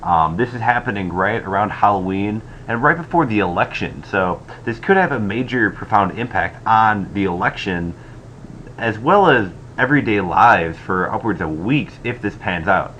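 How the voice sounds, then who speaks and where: A man with a fairly low voice explains a weather forecast in update style. The recording sounds like a cheap microphone, dull and lo-fi. Faint noise sits behind his voice. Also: fairly bright tone. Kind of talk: explanatory weather update commentary over maps. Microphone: cheap stand-in microphone.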